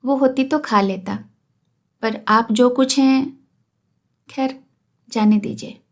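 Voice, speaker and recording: Brief: a woman reading a steady, stern young man refusing flatly, high-voiced. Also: natural voice. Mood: firm. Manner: even, measured, firm. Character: calm, proud young man refusing firmly.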